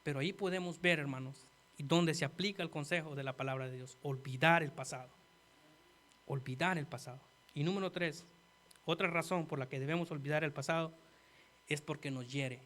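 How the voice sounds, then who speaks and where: Man, preacher, sermon, earnest, fairly high pitch, quiet-to-loud swings. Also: fairly quick. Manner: earnest, addresses listeners as "hermano".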